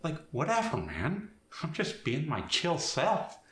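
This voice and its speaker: Young nineties Valley guy slacker, chill and dim, valley-girl upspeak, slow bright drawl, comic character. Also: a little high, wildly swooping pitch, voice pushed up, heavily acted. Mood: laid-back. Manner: valley-girl style drawl full of "like", "dude" and rising sentence ends. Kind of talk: comic character demonstration in accent lesson. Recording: roomy echo.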